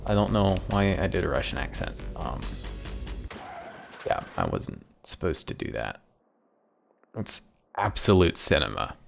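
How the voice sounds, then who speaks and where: A man's voice: sits low, sing-song, a little slow, creaky, pauses often, faint music behind. A man giving a casual, joking recap of a video game's story, rambling into offhand asides. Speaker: gaming YouTuber.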